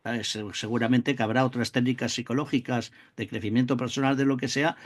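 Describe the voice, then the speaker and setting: A man co-hosting the talk, measured and calm, steering the conversation with hesitant fillers. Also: medium pitch. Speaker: podcast co-host. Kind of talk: casual interview talk.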